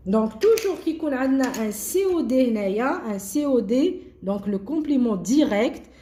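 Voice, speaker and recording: Woman teaching french class, bit high voice, bouncy intonation, switches french and arabic. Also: lively intonation, warm tone, slight background noise. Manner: mixes French and Algerian Arabic, spells out and repeats words slowly. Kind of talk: classroom lesson explaining grammar.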